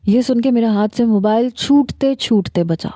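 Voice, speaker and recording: Woman narrator for a first-person novel reading, very warm and mellow, calm, with a dry close sound. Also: fairly high pitch, no echo.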